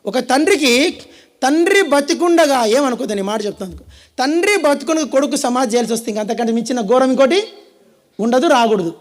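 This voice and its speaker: A man with a Telugu accent preaching a sermon, dramatic and swinging between loud and hushed, calling on the congregation to answer. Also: very high-pitched, expressive, a little fast. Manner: calls on the audience to answer.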